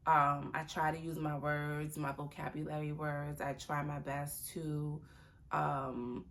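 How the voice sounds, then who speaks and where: A woman hosting a casual motivational talk, earnest and repeating her points for emphasis, rising high in pitch when she acts out what others say. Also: little pitch movement, slow, a bit bright, slight background noise. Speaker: host.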